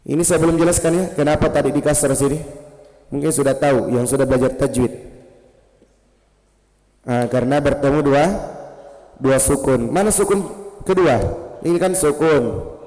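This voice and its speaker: A man with an Indonesian accent teaching grammar in a mosque, slow and patient, quizzing his students with questions. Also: medium pitch, mellow. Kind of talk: classroom lesson. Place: mosque hall. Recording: reverberant mosque hall.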